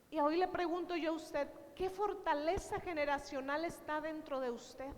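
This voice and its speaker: A woman's voice: sits high, long reverb tail. A woman preacher giving a sermon, talking straight to her congregation and retelling conversations in quoted dialogue. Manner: earnest, direct address to the congregation.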